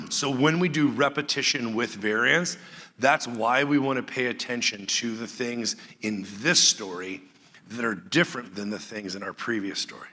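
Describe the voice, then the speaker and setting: A middle-aged man preaching a conversational, animated sermon as pastor. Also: mid-range voice, normal speed, long reverb tail. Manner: animated, conversational, acts out quoted lines.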